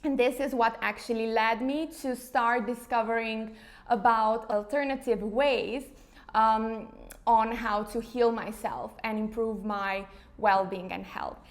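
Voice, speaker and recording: A Slovenian woman in her thirties, founder of a face yoga business, speaks English casually as an interview guest, often using fillers like "you know." Her voice is on the high side, with a steady tone and an unhurried pace.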